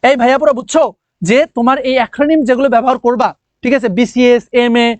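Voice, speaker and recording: A man's voice: extremely high pitch, fairly even intonation, no room sound. Man teaching English, dry sound. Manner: asks students questions and answers them himself; drawn-out emphasis on key words. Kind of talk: online admission coaching lesson.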